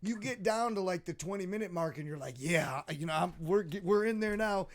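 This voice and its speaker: A man with a high voice co-hosts a casual livestream chat, spinning animated stories and laughing through them. He comes from Michigan and talks with a lively, friendly energy. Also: a little fast. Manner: animated storyteller, laughing mid-sentence. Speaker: co-host.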